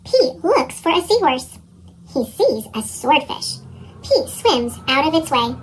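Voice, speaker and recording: Children's storybook narrator, squeaky pitched-up chipmunk cartoon effect, very animated delivery, some background noise. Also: poor audio. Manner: slow, lively reading. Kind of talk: scripted children's story read-aloud.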